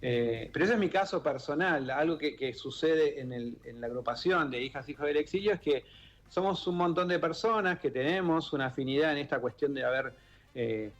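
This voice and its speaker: A man with a Rioplatense Argentine accent, an author who belongs to an exile-children group, is a guest in a radio interview. He was born in Italy and grew up in Argentina. His slightly high voice moves fairly quickly on a muffled recording, thoughtful but full of fillers and restarts.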